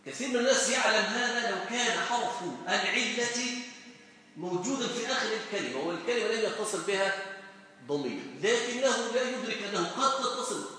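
A man teaching Arabic grammar to a class, lively and quizzing his students with questions. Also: sits high, brisk. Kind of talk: classroom lesson. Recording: echoey hall, recorded from far off.

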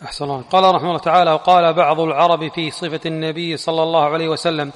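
A male student reading a religious text aloud in a steady, formal recitation during a lesson. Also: fairly high pitch, rapid-fire. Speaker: student reader. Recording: long hall reverb.

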